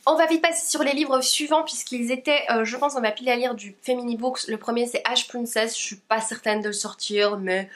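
A woman's voice: a little high, steady tone, fairly quick, few pauses, a bit bright. Chatty woman hesitating often. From Belgium. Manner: chatty, many hesitations and fillers. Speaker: book YouTuber. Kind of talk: casual book haul chat.

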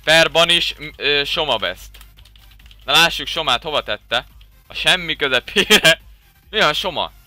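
A young man giving casual, excitable commentary while playing a game, breaking into loud swearing exclamations. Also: on the high side, pauses often, no echo, faint music behind. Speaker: Minecraft server streamer.

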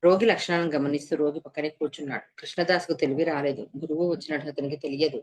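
A woman narrating a devotional story in a steady, measured reading voice. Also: low-pitched. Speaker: reader of a devotional serial. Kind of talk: scripted narration.

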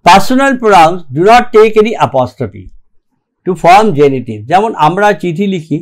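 A man teaching English grammar in a recorded lecture, reading rules aloud slowly and keeping checking that the class follows. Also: high voice, big pitch swings. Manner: slow and deliberate, reads English rules aloud, keeps checking "ঠিক আছে?".

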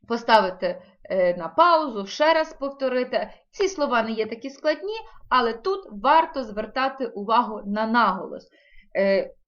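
A woman's voice: on the high side, a bit bright, muffled recording. Woman teaching a language lesson. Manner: slow, careful word-by-word reading with pauses.

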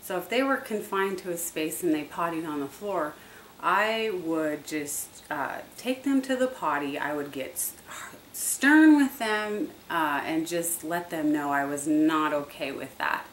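A woman with a low voice talks through her dog training tips in a chatty, repetitive way, full of ums and asides. She sits some way from the mic, so her voice sounds distant, in an echoey room with a faint hiss behind it. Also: measured pace, a bit bright. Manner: chatty, repetitive, many fillers. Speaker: dog owner vlogger. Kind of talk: casual how-to talk.

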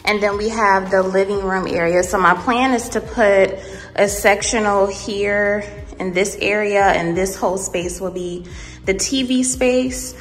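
A young woman with a mid-range voice speaks unhurriedly in a casual vlog, giving viewers a tour of an empty apartment's kitchen and bare rooms from a handheld phone as she walks. She's animated and talks directly to the audience, often saying "y'all" and "honey." There's slight background noise, and the empty rooms echo with long reverb.

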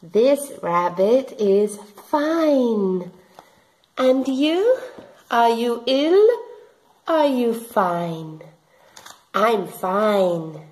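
A woman in her thirties teaching young children in simple repeated phrases, with an animated, sing-song delivery. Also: a little high, extremely slow, pauses often. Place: small room indoors.

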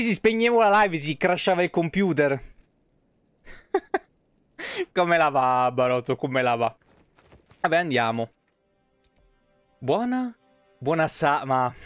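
With a clean tone and a dry recording, a man in his thirties talks casually on his live game stream, rambling freely and not holding back on swearing. His voice is a little high and fairly bright, picked up close by an arm-mounted desk mic in a small room at home.

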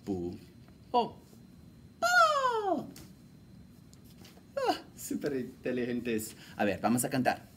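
A man teaching children to read, playful and theatrical, his pitch swinging wildly. He talks very slowly and clearly for young learners, over audible background noise. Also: wildly swooping pitch. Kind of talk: children's reading lesson.

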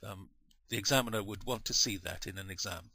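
A man explaining a maths lesson in a patient, measured way, correcting himself now and then. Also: on the low side, sharp tone, slightly rough, dry recording. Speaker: maths teacher.

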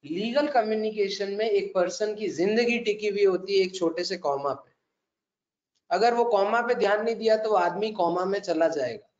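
A man's voice: sits high, moderate pace. A man with an Indian accent teaching an interactive classroom lecture, mixing Hindi and English, joking and quizzing students by name. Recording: echoey room, dull conference recording.

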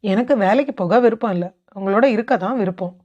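A woman's voice: medium pitch, a little fast, a little mellow, close to an everyday voice. Stubborn, tearful young wife, pleading, read by a woman; storybook audio, dull lo-fi.

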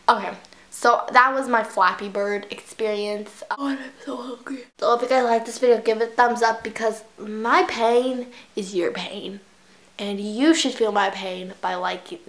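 A young woman vlogging as she plays a phone game, animated, squealing at the game and muttering between taps. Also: on the high side. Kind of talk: casual gaming vlog. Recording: echoey room with faint noise.

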